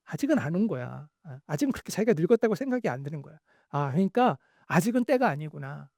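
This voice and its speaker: A male pastor preaching a sermon, telling stories with animated voices for the quoted lines. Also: fairly high pitch, quick pace, gravelly, no room sound, clean studio sound.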